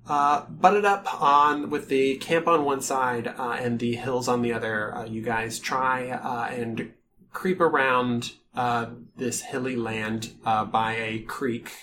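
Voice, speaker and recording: A man narrating a tabletop game as game master, improvising scenes in short, halting phrases. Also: medium pitch, steady tone, pushed and bright, a little hiss or hum.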